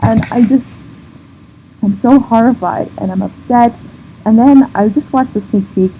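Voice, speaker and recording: A woman's voice: fairly high pitch, warm tone. Upset woman ranting on her vlog, close to tears, swears a lot, kinda dull lo-fi sound w faint noise behind. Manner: upset, indignant, swearing, with halting restarts. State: on the verge of tears. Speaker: vlogger. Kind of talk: emotional rant to camera.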